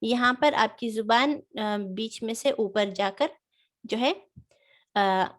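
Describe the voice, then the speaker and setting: A woman gives an online tajweed lesson. She explains patiently and pauses often on fillers. She draws out each demonstrated sound slowly. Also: a little high. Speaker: Quran reading teacher.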